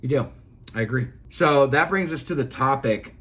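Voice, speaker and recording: A man's voice: mid-range voice, normal speed, fairly bright tone. A man co-hosting a casual podcast chat, talking earnestly and rambling with many fillers and restarts. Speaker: podcast co-host.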